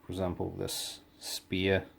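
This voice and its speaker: A New Zealand man explains a hands-on hobby while demonstrating it, his very deep voice low and full of gravelly creak. He speaks casually and haltingly, figuring out his wording as he works, in a completely flat delivery.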